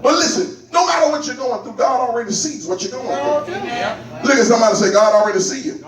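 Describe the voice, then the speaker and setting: A male pastor with a Southern US accent preaching a call-and-response sermon, prompting the congregation and rising into shouts. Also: extremely high pitch, expressive, fast talker, recorded from a distance. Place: large church hall. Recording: echoey church hall mic'd from afar, crowd.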